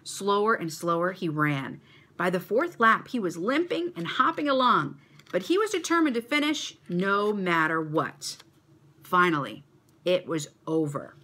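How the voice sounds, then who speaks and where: A woman reading a children's story aloud to a church kids' club, expressive and animated. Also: on the low side, unhurried.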